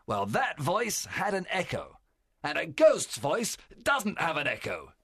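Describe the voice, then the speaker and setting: Guy doing a sly one-legged pirate boss for a storybook, bossy, gravelly husky voice. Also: on the high side, wildly swooping pitch, unhurried, pitched above the performer's own voice, exaggerated voice. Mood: defiant. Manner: forceful, domineering. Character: cunning one-legged male pirate leader, commanding. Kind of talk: storybook reading.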